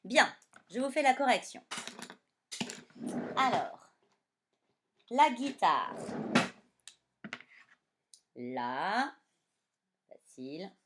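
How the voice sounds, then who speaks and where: In a children's dictation lesson, the woman at the front, a primary school teacher, breaks words into separate syllables and spells them slowly. Her tone has a lively, varied pitch.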